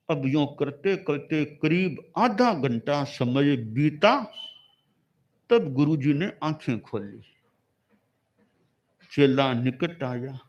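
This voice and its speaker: A man's voice: a little high, a little mellow, dull audio. A man preaching a sermon, telling a parable in a storytelling way and repeating key words to drive the lesson home. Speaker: religious preacher.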